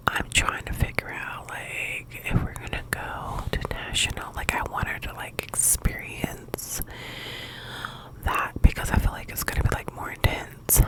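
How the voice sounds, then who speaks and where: In this rough recording, a female ASMR host speaks in a soft, airy whisper suited to late at night. Her talk wanders casually and comes out in halting bits, much like an intimate ASMR conversation.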